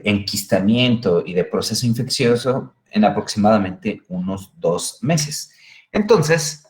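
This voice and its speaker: A man giving a recorded lecture, explaining step by step and often checking in with the class. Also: fairly low pitch. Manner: explanatory, checks in with frequent "¿bien?".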